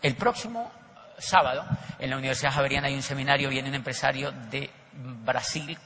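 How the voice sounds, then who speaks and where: Animated, gravelly man. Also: mid-range voice, brisk, in a large hall, a little hiss or hum. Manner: animated storytelling, acting out voices. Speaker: network marketing speaker. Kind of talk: motivational seminar talk.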